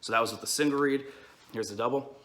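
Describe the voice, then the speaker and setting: A man's voice: medium pitch, fast talker, fairly bright tone. A man giving a casual, hands-on tutorial as an instructor, explaining informally and often checking in with the listener. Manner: informal, explanatory, frequent check-ins like "okay" and "all right". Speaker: duck-calling instructor.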